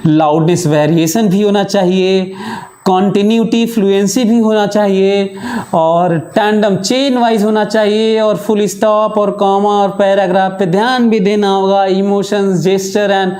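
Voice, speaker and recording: Male physics teacher, slow and measured, pausing to stress points, lecture in a reverberant classroom. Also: high-pitched, fairly even intonation, darkish tone. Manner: slow and deliberate, with held pauses. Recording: echoey room.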